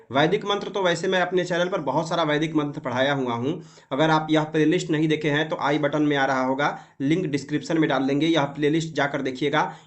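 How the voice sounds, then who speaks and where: A man teaching how to read and memorize Vedic mantras, explaining patiently and chanting the syllables slowly and drawn out. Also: fairly high pitch. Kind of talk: recitation lesson.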